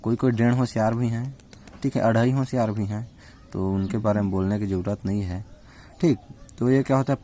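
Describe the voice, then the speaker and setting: A male teacher with a somewhat low voice, walking through a lesson at an even teaching pace. He keeps asking questions and answering them himself, stretching out sounds to demonstrate them and checking in again and again. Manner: repeats "ठीक है" as a constant check-in; draws out example vowel sounds slowly. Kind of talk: spoken Hindi grammar lesson.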